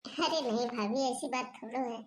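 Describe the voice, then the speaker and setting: A woman voicing a calm, modest older aunt who speaks slowly in a cartoon. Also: a little high, a little hiss or hum, lightly acted. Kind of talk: cartoon dubbing.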